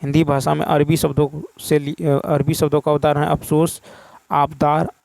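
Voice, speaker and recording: Male teacher, exam paper lesson, gravelly, slightly high voice. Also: normal speed, dry recording. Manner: steady, explanatory, reads a question then gives the answer.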